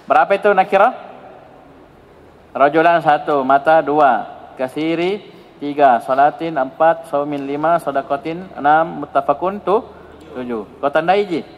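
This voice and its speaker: A man's voice: a little high, a little hiss or hum. Indonesian teacher drilling his pupils. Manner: prompting questions again and again, brisk and coaxing. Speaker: Arabic grammar teacher. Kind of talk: classroom grammar drill with students. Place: classroom. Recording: dull, lo-fi sound with a long hall reverb.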